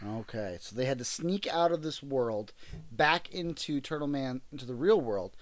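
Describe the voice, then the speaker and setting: A man's voice: medium pitch, lively intonation, normal speed, no echo. Man hosting a casual family podcast. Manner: encouraging, prompting questions, then an upbeat promotional sign-off. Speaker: podcast host and father. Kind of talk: casual podcast chat with his child.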